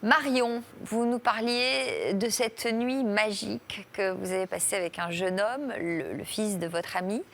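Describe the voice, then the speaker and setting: A woman's voice: mid-range voice, gravelly, fairly bright tone. Woman hosting a talk show interview. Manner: probing, quick follow-up questions.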